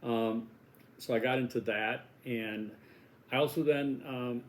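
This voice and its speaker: He takes it slowly, his medium-pitched voice steady. A college instructor in his sixties from Milwaukee, with a Wisconsin accent, he rambles and chats in a course welcome video, making jokes at his own expense.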